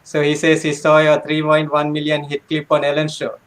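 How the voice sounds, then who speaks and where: A man's voice: fairly high pitch, completely flat delivery, normal speed, poor audio. A man co-hosting a casual interview, telling a story eagerly and laughing often. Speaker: co-host.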